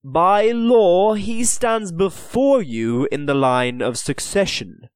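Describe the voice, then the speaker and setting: A man voicing a haughty, contemptuous English Lord Deputy who speaks briskly and scornfully. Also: high-pitched, animated, clean tone, no room sound, pitched above the performer's own voice.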